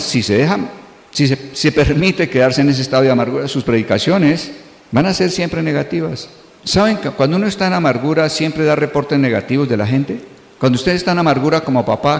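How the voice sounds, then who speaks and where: A man's voice: mid-range voice, gravelly. A middle-aged Colombian man preaching a sermon as pastor, often questioning his congregation and acting out little dialogues. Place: church hall. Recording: echoey church hall.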